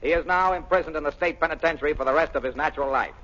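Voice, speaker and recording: An actor playing a brash male waxworks barker with loud showman patter in an old radio drama. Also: a little high, rapid-fire, close to an everyday voice. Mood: lecturing. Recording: muffled old radio, crowd behind.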